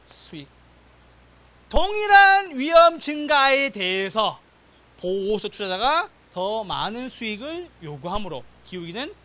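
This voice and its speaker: Brief: middle-aged man, exam-prep lecturer, bright voice, faint tape hiss. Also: sits high. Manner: animated, checks in with "맞죠?" and "됐죠?", acts out quotes. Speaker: real estate exam lecturer. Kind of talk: classroom lecture.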